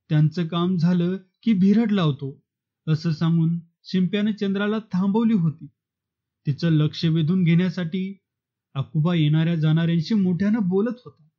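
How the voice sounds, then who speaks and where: A man reading a novel aloud in a steady storytelling manner. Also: high-pitched, muffled recording. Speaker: audiobook narrator.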